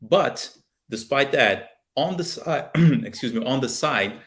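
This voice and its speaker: A man's voice: mid-range voice, lively intonation, measured pace. A man in his thirties from Brazil, speaking with a Brazilian Portuguese accent as a guest on a video call, earnest and full of fillers and restarts. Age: 30s. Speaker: guest pilot and aviation video maker. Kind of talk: casual interview on a video call. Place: small home office with a plane picture. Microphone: webcam video call.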